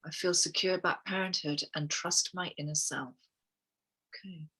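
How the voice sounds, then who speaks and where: A woman reading chakra statements on a group call and guiding listeners through affirmations, soft-spoken and musing, often murmuring "okay" between readings. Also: fairly low pitch, fairly even intonation, moderate pace, husky, rough recording. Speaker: wellness guest speaker.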